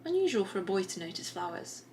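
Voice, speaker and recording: A woman's voice: medium pitch, big pitch swings, quick pace, a little mellow, a little hiss or hum. A woman reading aloud the lines of a chatty old woman working in a café, about seventy, from her own manuscript. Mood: friendly.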